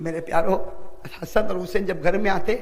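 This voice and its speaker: A man's voice: high voice, fairly even intonation, in a large hall, background noise. A male preacher telling a story in an emotional sermon, passionate and always asking his listeners questions. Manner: impassioned, keeps asking the audience questions.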